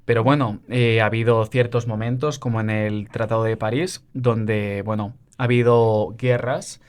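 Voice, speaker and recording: A man's voice: fairly low pitch, steady tone, normal speed, clean tone. A man co-hosting a podcast, explaining history in casual chat with frequent fillers. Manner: explains with many fillers and asides. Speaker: podcast co-host.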